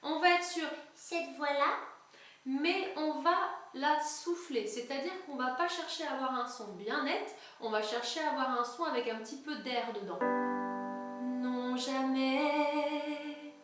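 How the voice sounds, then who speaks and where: A woman's voice: sits high, normal speed, a bit bright. A woman giving an online singing lesson, explaining step by step to the viewer in a friendly, informal way and breaking into short sung examples. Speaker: singing teacher. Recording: very echoey room, faint music.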